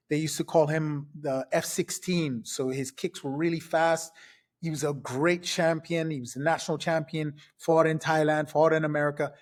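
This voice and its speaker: Man in his fifties telling fight stories. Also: fairly high pitch. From Trinidad. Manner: lively, recounts events step by step. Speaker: podcast guest. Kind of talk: casual storytelling.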